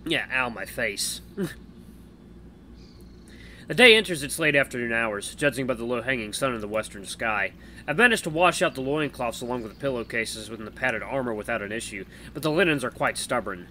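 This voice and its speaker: A man narrating a visual novel as a let's play host, his pitch swinging in a lively, bouncing way. His tone is bright and sharp, with a faint hiss of noise sitting under the recording. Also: quick pace. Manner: animated, playful voice acting. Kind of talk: reading a visual novel aloud.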